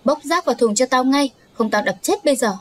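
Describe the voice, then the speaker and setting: A woman doing a shrill, scolding street sweeper. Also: expressive, brisk. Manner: scolding, shouting insults.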